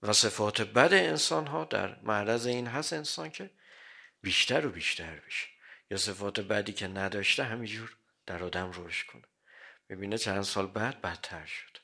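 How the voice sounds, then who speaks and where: A man giving a religious sermon, quoting Arabic sayings and explaining them in everyday Persian, often clearing his throat. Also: on the low side, animated, sharp tone. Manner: quotes Arabic hadith then explains in plain Persian. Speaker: cleric.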